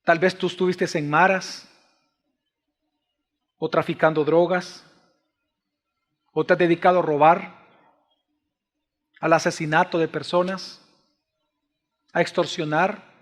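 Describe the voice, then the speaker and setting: A Salvadoran man preaching a passionate sermon as pastor, swinging between loud exclaims and hushed pleas. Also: on the high side, level tone, slow, pauses often. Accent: Salvadoran Spanish. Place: church sanctuary. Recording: long church reverb.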